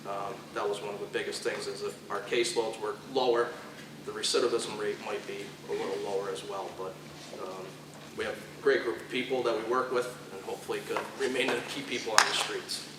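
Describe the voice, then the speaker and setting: A man who works as a drug court probation officer, speaking nervously and haltingly on a panel. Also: fairly low pitch, level tone, noisy background. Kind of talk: panel presentation. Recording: echoey room from far off.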